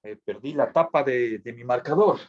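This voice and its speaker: A man teaching a philosophy class, pausing to check in with his students and restarting phrases as he goes. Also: mid-range voice, no room sound. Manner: checks in with frequent "¿sí?", halting restarts. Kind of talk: classroom lecture. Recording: dull lo-fi dry recording.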